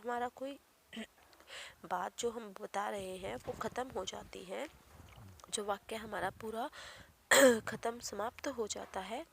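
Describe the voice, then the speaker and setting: A woman's voice: mid-range voice, creaky, a little hiss or hum. A woman teacher giving a grammar lesson to young children, explaining patiently and repeating key points. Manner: patient, repetitive explaining with frequent "ठीक है".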